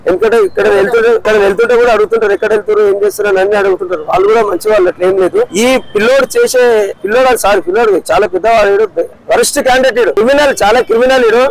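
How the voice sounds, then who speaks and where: A man's voice: sits high, racing, low-quality recording. A man, a grieving father in an emotional street interview, talking in a repetitive, pleading way. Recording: crowd noise outdoors.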